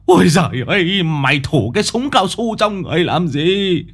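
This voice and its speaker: A man voicing a gruff old grandfather scolding his grandson in a ghost story reading. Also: high-pitched, lively intonation, moderate pace, pitched above the performer's own voice, full character voice.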